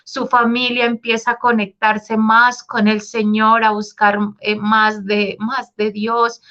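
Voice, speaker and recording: A woman with a high, bright voice tells her personal faith story in an earnest, heartfelt way. The recording sounds slightly dull and lo-fi. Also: level tone, slow pace.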